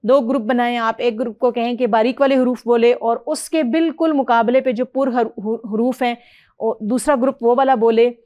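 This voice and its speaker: A woman's voice: a little high, fairly even intonation, mellow, highs cut off. Patient woman teaching letter sounds. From Pakistan. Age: middle-aged. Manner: patient, explanatory, models letter sounds clearly and praises. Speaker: Quran reading teacher. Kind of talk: teaching explanation and drill with a student.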